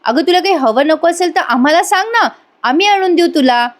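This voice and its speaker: A woman's voice: very high voice, expressive, brisk, pitched above the performer's own voice. Woman voicing a fussy, coaxing mother. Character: mother Kalpana, older woman, fussing.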